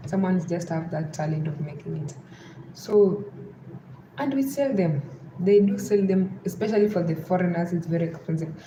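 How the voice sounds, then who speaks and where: A young livestream host with a Western Kenyan accent and a slightly low voice talks at a normal speed, repeatedly pleading with viewers to like and subscribe. The setting is casual, and the recording is echoey with distinct background noise.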